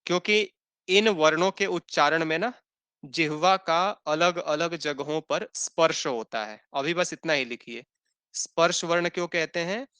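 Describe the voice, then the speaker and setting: This man's voice is fairly high, bright and forceful, clear and resonant, with no room sound at all. Teaching Sanskrit online, he repeats definitions slowly so students can take notes, patiently asking "thik hai" and "hai na" along the way.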